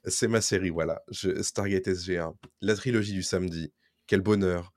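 Low-voiced man hosting a podcast. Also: steady tone, moderate pace, dry recording, studio quality. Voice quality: enthusiastic, nostalgic. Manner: reads listings then riffs. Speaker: podcast co-host presenting release picks. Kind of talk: casual podcast chat.

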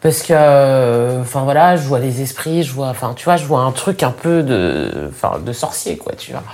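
A woman's voice: a bass voice, lively intonation, moderate pace, a little mellow. A woman co-host on a chat show, reacting bluntly and uneasily to a story. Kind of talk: casual chat.

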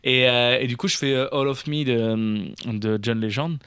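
A man's voice: mid-range voice, moderate pace, fairly bright tone, clear, resonant tone, no echo, studio quality. A man hosting a radio show, chatting casually and telling a long story with many fillers and restarts. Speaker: radio show host and singer.

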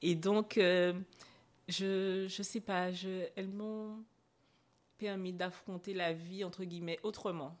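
A young woman with a somewhat low voice speaks as a podcast guest about something she lived through. She hesitates often, restarting phrases and filling pauses. Her telling is emotional and candid. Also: fairly even intonation. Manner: hesitant, frequent fillers and restarts; emotional recounting. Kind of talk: personal storytelling in a podcast interview.

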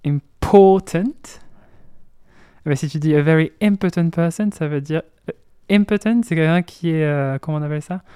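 A young man, a researcher and teacher, patiently explaining in a relaxed chat and imitating English pronunciation. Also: fairly high pitch, brisk, smooth, no room sound, studio quality. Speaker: guest, doctoral researcher and teacher. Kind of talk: casual podcast chat.

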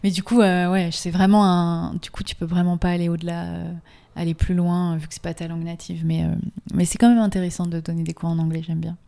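A woman's voice: fairly low pitch, little pitch movement, fast, gravelly, dark tone. A woman hosting a casual interview, asking rambling, hesitant questions with many fillers. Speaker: interviewer and fellow yoga teacher.

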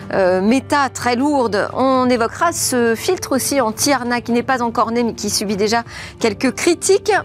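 A fairly high-voiced woman hosts a tech program. She runs through the topics and guests in a brisk, lively way, with the odd filler. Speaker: TV tech show host. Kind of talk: broadcast show hosting and interviewing.

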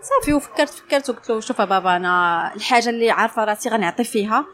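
Fairly high in pitch, a bit bright, and very fast, the voice belongs to a woman with a Moroccan Arabic accent who is a sports journalist. As an interview guest, she tells her story casually and blends French phrases into her speech.

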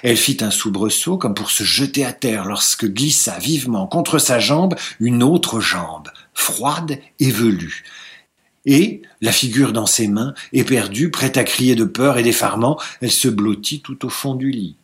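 A man reads a classic novel aloud in a medium-pitched voice. His delivery is measured and unhurried, storybook-style. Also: expressive. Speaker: reader.

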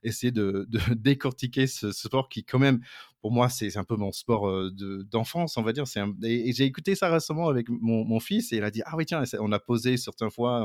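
A middle-aged American man whose first language is English co-hosts a casual podcast in what is described as his second language, full of fillers and restarts. His medium-pitched voice has studio quality with no room sound.

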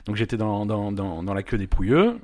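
A man co-hosting a casual podcast, telling stories with many stammered restarts. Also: fairly low pitch. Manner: fast, stammering restarts, lively storytelling. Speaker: podcast co-host.

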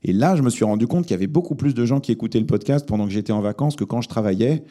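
A man's voice: medium pitch, expressive, very fast, dark tone. A man born in Lebanon, a journalist answering interview questions in a reflective way, with many hesitations. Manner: thoughtful, many hesitations and fillers. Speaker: journalist and podcast host, guest here.

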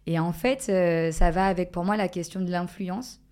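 Lowish hesitant woman podcast guest. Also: moderate pace, a little mellow, clean tone. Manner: hesitant, reflective, many fillers and restarts. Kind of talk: casual podcast conversation.

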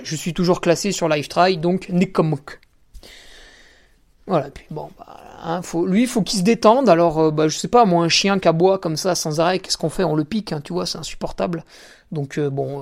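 A man's voice: sits high, creaky, darkish tone. A man telling a story in a solo podcast, ranting indignantly with crude slang and often turning to the listener. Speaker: podcast host and trail runner.

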